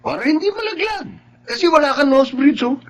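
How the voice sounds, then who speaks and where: A man's voice: very high-pitched, lively intonation, fairly quick, a little hiss or hum. A man playing a teasing, needling young office worker in a drama, with a Filipino accent.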